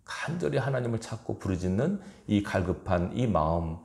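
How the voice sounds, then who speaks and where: A man's voice: fairly low pitch, animated, moderate pace, vocal fry, darkish tone. A male pastor preaching a fervent, emphatic sermon in a church sanctuary. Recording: roomy church echo.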